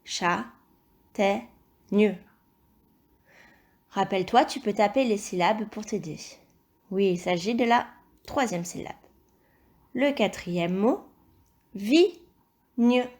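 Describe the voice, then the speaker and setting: A woman teaching a recorded phonics lesson to young children, speaking slowly and carefully, repeating each word and praising the answers. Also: medium pitch, a little mellow. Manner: slow, careful, encouraging, spells out sounds and syllables. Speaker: primary school teacher.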